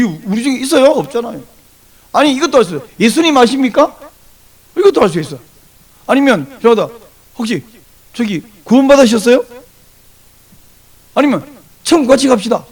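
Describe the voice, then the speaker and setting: Animated gravelly-voiced male pastor preaching. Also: very high voice. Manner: animated storytelling, acts out dialogue in varied voices. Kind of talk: Sunday sermon.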